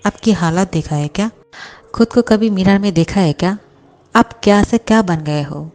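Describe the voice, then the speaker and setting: A woman's voice: mid-range voice, moderate pace, a little mellow, natural voice. A woman voicing a lovesick, hot-tempered young male boss who snaps back with indignant questions. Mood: angry.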